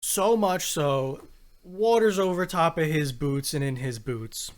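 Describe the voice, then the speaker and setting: A man with a fairly high voice tells a story in laid-back podcast chat. He speaks plainly and easily, sharing the account in a relaxed way. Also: takes it slowly. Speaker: podcast co-host. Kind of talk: casual chat.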